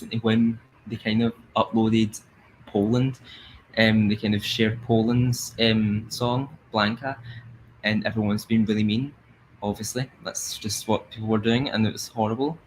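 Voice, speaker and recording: A man's voice: fairly low pitch, flat delivery, moderate pace, slight background noise, low-quality recording. A young Scottish man chatting casually as host of a live stream, rambling with lots of fillers. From Scotland. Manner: chatty, rambling, sings along in snatches.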